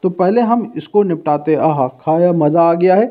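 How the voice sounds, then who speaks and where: A guy with a fairly high voice narrates a casual walking food vlog at normal speed, chatting and guiding the viewer through an outdoor street and a busy food shop. The recording is tinny, like a phone line.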